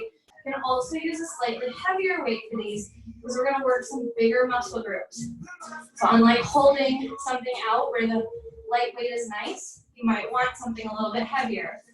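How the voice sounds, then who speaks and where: A woman leading a barre workout class, counting down reps and cheering her students on in an upbeat way. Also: on the high side. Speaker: barre fitness instructor. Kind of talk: guided workout instruction with counting. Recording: very echoey room, voice from far off.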